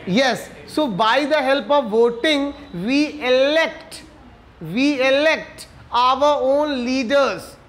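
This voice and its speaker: A man with an Indian accent teaches civics in a very high, fairly bright voice, speaking extremely slowly. His lecture alternates Hindi and English, with rhetorical questions to himself and check-ins with the students.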